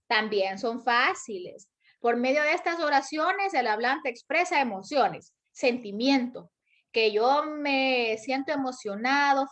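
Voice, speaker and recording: Woman, high-pitched, teacher, online lecture, asks students questions, many examples. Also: a bit bright.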